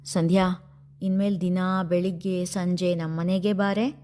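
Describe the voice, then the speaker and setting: A woman's voice: on the low side, flat delivery, unhurried, mellow, a little hiss or hum, natural voice. A woman doing a teasing young girl.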